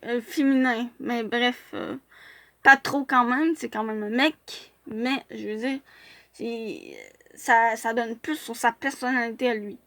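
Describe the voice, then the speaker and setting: A woman's voice: a little high, a bit bright, dry recording. A woman chatting casually in a vlog as she reviews fan profiles, hesitating often with filler sounds and restarts.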